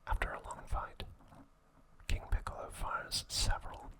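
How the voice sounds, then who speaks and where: For this ASMR piece, a man narrates trivia in a quiet, breathy whisper. His delivery is deliberate and comes in short, choppy phrases.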